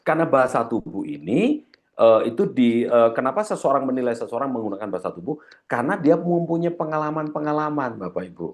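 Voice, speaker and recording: A male corporate trainer leading a seminar lecture, with a lively voice that swings up and down in pitch. He often turns to address his audience and goes over key points again. His voice sounds slightly heavy from a cough. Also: fast talker.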